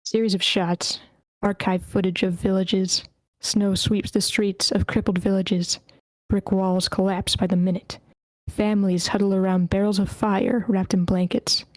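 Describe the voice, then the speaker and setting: Over a computer mic in an online meeting, a woman reads screenplay action lines at a script table read, keeping a steady, measured pace and sometimes tripping over character names. Her middle-pitched voice stays flat and even, recorded close and dry without echo.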